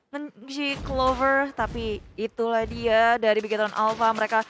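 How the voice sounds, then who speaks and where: A woman's voice: fairly high pitch, flat delivery, moderate pace, a bit bright, slight background noise. A woman with an Indonesian accent giving live play-by-play commentary as an esports caster.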